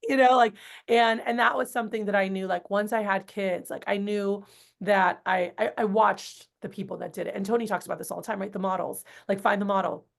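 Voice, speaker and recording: A woman's voice: mid-range voice, fairly even intonation, a little fast, creaky. Woman, 40s, podcast guest. Rambling, conversational, acts out quotes mid-story. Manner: rambling, frequent restarts and acted-out quotes. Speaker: guest, entrepreneur and coach. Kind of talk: casual podcast interview talk.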